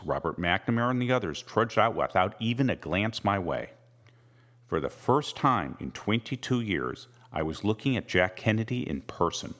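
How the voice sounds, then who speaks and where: A man reading a first-person novel aloud with measured, wry storytelling. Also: lowish voice, a bit bright. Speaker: audiobook narrator. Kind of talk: scripted first-person narration.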